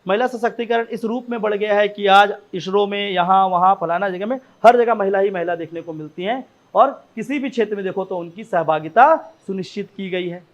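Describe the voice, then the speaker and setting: High-voiced man teaching essay writing. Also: a little fast, hardly any pauses, muffled recording. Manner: conversational, frequent "ठीक है ना" check-ins; repeats key points, asks rhetorical questions. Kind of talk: classroom lecture.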